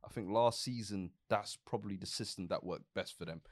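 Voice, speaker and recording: A man's voice: fairly low pitch, a little fast. A young man with an urban London roadman accent, talking football casually with slangy, playful banter. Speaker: football pundit.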